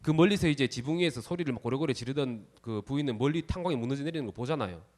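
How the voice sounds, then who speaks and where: Fast-talking monk telling a story. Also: male voice, mid-range voice. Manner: lively storyteller, acts out the characters in the tale. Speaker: Buddhist monk giving a dharma talk. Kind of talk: storytelling sermon.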